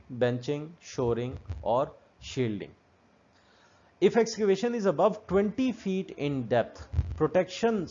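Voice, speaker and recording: A man's voice: medium pitch, darkish tone, lo-fi sound. Man explaining safety rules, repeating points. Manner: mixes English technical terms into explanation, repeats key points. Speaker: safety instructor. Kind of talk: explanatory lecture.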